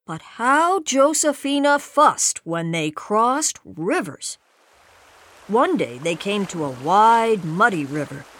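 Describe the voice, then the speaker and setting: A woman reading a children's picture book aloud in an expressive way, acting out the quoted lines. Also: mid-range voice, takes it slowly, slight background noise. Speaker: storybook reader.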